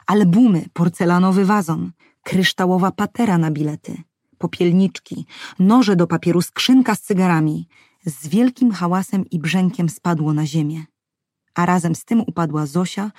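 A woman narrating a literary novel as an audiobook in a measured, even way. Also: fairly low pitch, dry recording, studio quality.

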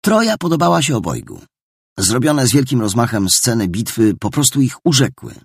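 A man giving a steady, measured scripted narration of an audiobook. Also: medium pitch, creaky, breathy edge, dry recording, clean studio sound.

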